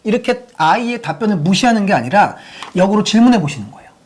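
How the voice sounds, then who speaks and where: A woman's voice: mid-range voice, very animated, fast, darkish tone. A woman giving a sex education lecture to parents, using many rhetorical questions to the audience.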